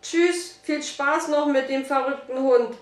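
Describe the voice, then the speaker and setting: An offhand horse rider talks in a brisk, careless tone, as a woman reading aloud puts them on. The voice sits high and a little loud. The room echoes, and the mic is far off. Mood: breezy. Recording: roomy, distant mic.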